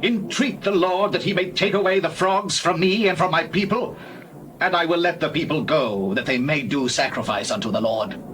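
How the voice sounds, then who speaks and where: A man's voice: on the high side, normal speed, fairly bright tone, slight background noise, lightly acted. A man playing a king bargaining for relief in a dramatized scripture reading, formal and imploring. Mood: pleading. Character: Pharaoh, male Egyptian king bargaining for relief.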